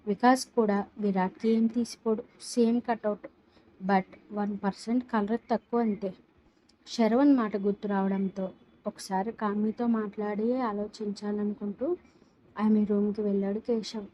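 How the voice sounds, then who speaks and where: A woman narrating a dramatic story aloud in a steady, even reading voice. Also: medium pitch, a little slow, dull audio, a little hiss or hum.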